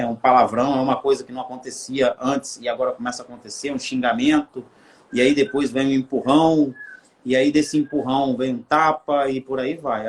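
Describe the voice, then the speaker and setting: A man with a Brazilian Portuguese accent, a guest on a live-stream interview, speaking earnestly and building his points through repeated phrases. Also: mid-range voice.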